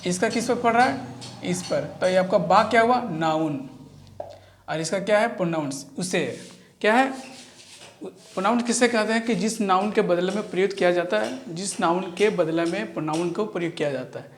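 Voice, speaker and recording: A woman's voice: lowish voice, slight background noise. A woman teaching English grammar in a classroom style, repeating each point and answering her own questions. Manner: repetitive, answers own questions, drawn-out words.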